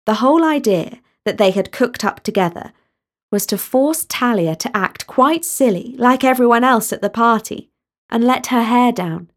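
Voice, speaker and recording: A woman narrating a storybook in a measured, expressive way. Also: on the high side.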